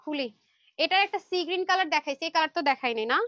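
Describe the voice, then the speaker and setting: A woman's voice: extremely high pitch, racing, a bit bright, no room sound, muffled recording. A woman hosting a live clothing sale, chatty and pushy with her viewers, worn out from a long session. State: tired, worn out. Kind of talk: fast Facebook live selling pitch.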